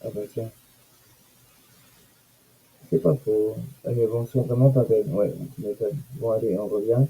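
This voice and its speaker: A man's voice: fairly low pitch, steady tone, normal speed, pauses often, mellow, slightly rough, rough recording. A man giving casual, sarcastic commentary on news items and comments, with mocking asides.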